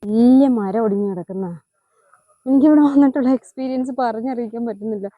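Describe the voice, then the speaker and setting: A woman's voice: a little high, fairly quick, no echo, phone-quality sound. A young woman from Idukki with an Idukki Malayalam accent, chatting enthusiastically in a vlog from an outdoor nature park. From Idukki, Kerala. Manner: chatty, enthusiastic, talks to her child between remarks. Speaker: vlogger. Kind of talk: casual vlog talk.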